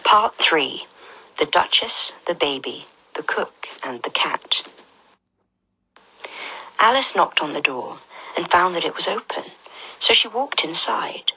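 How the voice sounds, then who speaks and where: Reading a children's storybook, a woman speaks softly and gently in a near whisper. Her low voice still has a bright, very breathy quality that suits a calm bedtime-style tale, and she goes slowly with long pauses on a rough recording.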